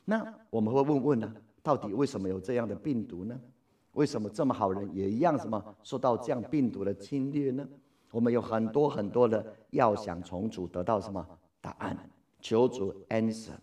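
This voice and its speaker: Lively male Bible teacher, distant mic. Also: on the low side, fairly quick. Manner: lively, asks the listeners questions and answers himself.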